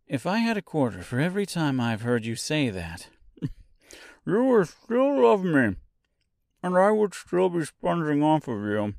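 A man voicing a quick-tempered, teasing eighteen-year-old girl in an audiobook. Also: a little high, huge pitch swings, vocal fry, a little mellow, no room sound, studio quality, pitched above the performer's own voice, exaggerated voice. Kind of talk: audiobook character voice.

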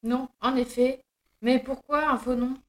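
A man voicing a young female doctor in an audio drama, in a high falsetto that turns from shy to outraged. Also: steady tone, unhurried. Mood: shaken. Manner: high falsetto, shaky and curt. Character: young woman doctor, flustered then furious.

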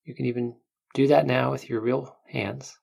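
A meditation guide speaking gently and unhurriedly, with long pauses between soothing instructions. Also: mid-range voice, fairly even intonation, gravelly, husky. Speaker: meditation guide, podcast host.

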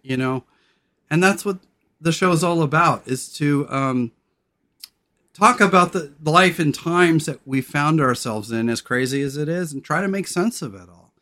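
A man hosting a podcast, brash and irreverent, loud radio-style delivery that drops to low, slow, soft talk when sincere. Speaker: podcast host. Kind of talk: casual podcast chat.

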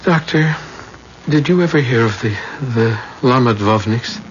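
An actor playing a meek, earnest, bewildered shopkeeper and husband, hesitant and stammering, in an old-time radio drama. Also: male voice, mid-range voice, lively intonation, measured pace, natural voice. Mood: bewildered, insistent. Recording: muffled, noisy old radio recording.

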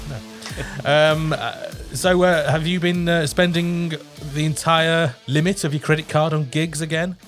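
A man's voice: a little high, level tone, measured pace, a bit bright, soft background music. A British man hosting a podcast with casual, teasing banter. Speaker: podcast host.

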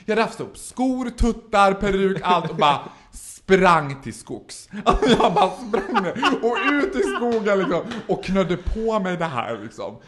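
A man's voice: high voice, sing-song, few pauses, background noise. A man telling a long, funny anecdote in casual podcast chat. He acts out other people's lines in voices and laughs often. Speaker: podcast guest telling stories.

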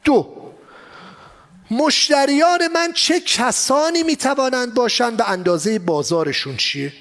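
A man with a strikingly high voice lecturing a seminar crowd on business. He talks in an animated way, firing off rhetorical questions and slipping English phrases into his talk. He sounds like a trainer at a live event in an exhibition hall. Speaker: export trainer.

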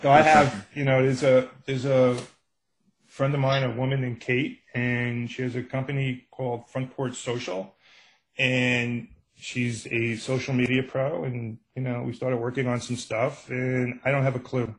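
A man's voice: medium pitch, level tone, measured pace, slight background noise, rough recording. An older middle-aged man with a Brooklyn accent, talking casually and anecdotally as an author being interviewed. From Brooklyn, New York. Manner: anecdotal, acts out quoted exchanges. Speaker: true crime author, podcast guest.

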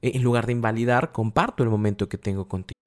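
A man with a Mexican Spanish accent giving an explanatory talk about emotions, expressive and acting out everyday dialogues. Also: mid-range voice, quick pace. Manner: expressive, acts out everyday dialogues, laughs often. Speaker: emotional wellbeing speaker.

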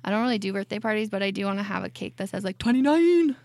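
A woman in her late twenties co-hosting a casual podcast chat, relaxed and chatty with lots of fillers. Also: mid-range voice, very fast, no echo, studio quality. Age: 20s. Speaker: podcast co-host. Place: studio.

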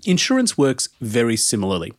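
A man's voice: medium pitch, wildly swooping pitch, brisk, dry recording. Male podcast host, very dry sound. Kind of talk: prepared explainer podcast narration.

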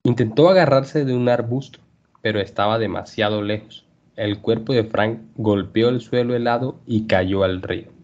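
A male language teacher reading a story aloud for learners, clear and measured. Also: lowish voice, darkish tone. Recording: dull lo-fi podcast audio.

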